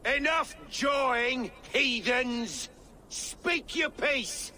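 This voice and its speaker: A man's voice: extremely high pitch, lively intonation, very slow, bright, forceful tone, slight background noise, heavily acted. An actor playing a proud, defiant Saxon king in a video game, speaking with commanding scorn. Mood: scornful.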